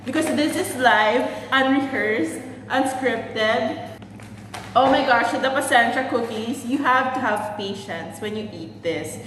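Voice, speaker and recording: A woman's voice: on the high side, unhurried, a bit bright. A woman vlogging casually while eating, joking and switching between English and Filipino. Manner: giggly, jokey, mixes English and Filipino. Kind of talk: playful mukbang vlog chat. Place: office meeting room. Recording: echoey room with background noise.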